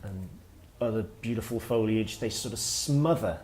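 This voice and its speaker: At a writers' workshop, a middle-aged Welsh man, the author invited as guest speaker, talks to listeners in the room with a somewhat low, slightly mellow voice. He sounds reflective and halting, pausing and restarting as he works through his thoughts aloud. A faint hiss or hum sits under the recording.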